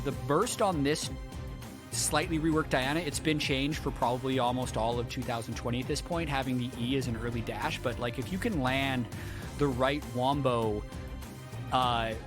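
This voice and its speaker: Male esports analyst talking over music. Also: medium pitch. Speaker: esports color commentator, analyst. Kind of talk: casual analytical game commentary.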